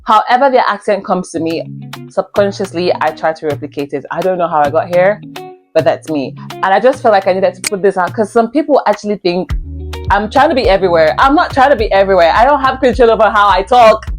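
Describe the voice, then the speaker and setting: This Nigerian-accented young woman speaks fast in an animated, mid-range voice. She's a vlogger from Nigeria making her first vlog, talking casually and earnestly to camera and repeating herself for emphasis, with faint music in the background.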